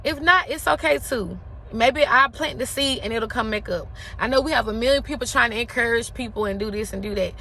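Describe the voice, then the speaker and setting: A woman's voice: a little high, brisk, few pauses, sharp tone, a little hiss or hum. A woman around forty giving an emphatic, impassioned motivational talk, repeating phrases for effect.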